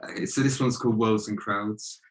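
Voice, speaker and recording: A young man reads his own poems on a video call, his voice sitting low and staying flat. His delivery is measured and steady and leans on repeated refrains. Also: poor audio. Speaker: guest poet. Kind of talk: poetry reading.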